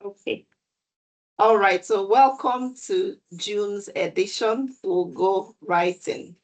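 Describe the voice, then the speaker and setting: Hosting an online exam prep session on a video call, a woman talks at a slow, deliberate pace in a mid-pitched voice. Her manner is warm and measured, though the recording quality is low.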